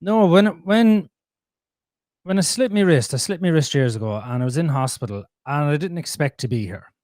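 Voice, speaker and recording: A man telling his life story as a podcast guest, blunt and animated, swearing freely. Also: on the high side, normal speed, no room sound. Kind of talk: candid conversational storytelling.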